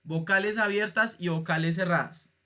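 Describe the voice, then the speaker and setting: Bright-voiced male teacher on a video call. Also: high-pitched, fairly even intonation, moderate pace. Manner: patient, jokey, asks students questions. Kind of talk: online class explanation.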